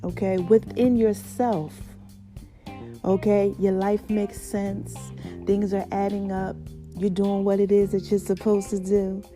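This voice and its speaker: Excited lisping woman, mouthful-sounding after mouth surgery. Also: medium pitch, takes it slowly, faint music behind. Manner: excited, folksy, repeats phrases for emphasis. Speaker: podcast host. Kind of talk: casual motivational monologue.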